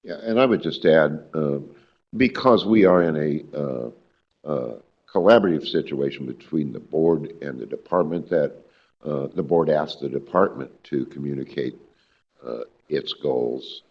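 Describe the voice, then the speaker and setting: A man's voice: a bass voice, measured pace, highs cut off. A man on a committee adding a point in a formal meeting, hesitating with many fillers. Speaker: committee member.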